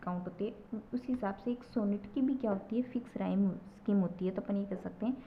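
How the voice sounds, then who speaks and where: Woman teaching in a dull recording. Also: mid-range voice. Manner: slow, repetitive explaining with frequent checks of "ठीक है". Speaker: English literature teacher. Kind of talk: classroom lecture. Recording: dull lo-fi recording with faint noise.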